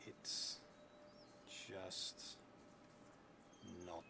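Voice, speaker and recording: The same kind of solo tabletop stream: a man in his thirties reads out prompts and thinks aloud from a streaming setup inside a theatre venue. He draws out his words, and background noise is present.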